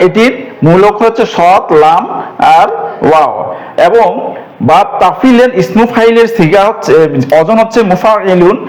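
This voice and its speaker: A man with a notably high voice teaches grammar in a recorded lesson. He goes slowly and patiently and repeats each term. He fills his pauses with soft hesitations. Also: rough recording. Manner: slow and patient, repeats terms, pauses with fillers. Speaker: teacher of Quranic Arabic grammar.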